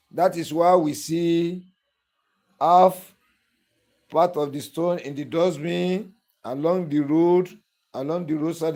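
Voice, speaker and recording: A man with a Nigerian English accent and a fairly high, darkish voice narrates a tutorial on sharpening clipper blades as the channel host. His delivery is earnest, repetitive, and pleading.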